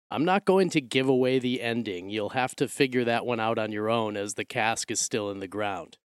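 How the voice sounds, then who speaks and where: An American man from Milwaukee, Wisconsin, hosts a podcast, partly reading from a script and partly chatting with his co-host. His medium-pitched voice is smooth, captured in a dry, studio-quality recording.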